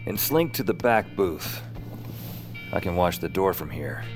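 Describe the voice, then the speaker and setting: In a first-person noir-comic audio drama, an actor plays an anxious night-shift dispatcher narrating his misadventures in dry, clipped sentences with a sour, wry mood. His low voice is expressive and unhurried, and music plays under it.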